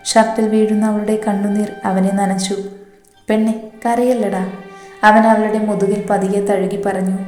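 A woman storyteller reading a romance story aloud in a steady, even way. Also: mid-range voice, moderate pace, hardly any pauses. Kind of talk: scripted story narration. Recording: roomy echo, faint music. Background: faint music.

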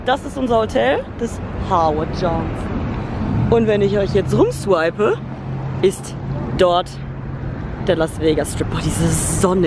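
A woman vlogging with a handheld camera, excitable and slangy in a playful, casual chat. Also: lowish voice. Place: outdoors on a busy city street, then a restaurant. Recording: loud street traffic and crowd noise.

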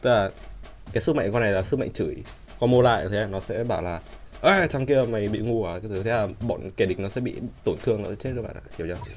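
A man hosting a gaming channel, chatting casually through his game pulls and bursting into loud, shouting surprise at good results. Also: on the low side, very fast, slight background noise.

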